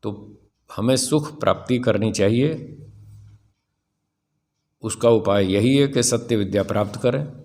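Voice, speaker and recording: A man's voice: on the low side, unhurried, pauses often, mellow. A man in his sixties, a swami, giving a spiritual discourse in a firm, rhetorical manner and putting questions to his listeners. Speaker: swami teaching scripture.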